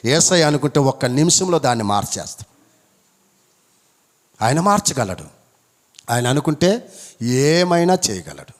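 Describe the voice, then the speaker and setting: A male pastor preaching a sermon, driving points home with rhetorical questions and high emphatic peaks. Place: church hall. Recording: long church hall reverb.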